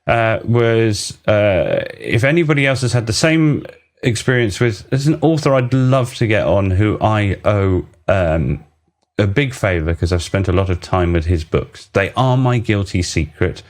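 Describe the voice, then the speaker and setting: Podcast host, man, low voice, rambling and animated. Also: a little slow. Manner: rambling, excitable, laughing. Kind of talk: casual podcast chat.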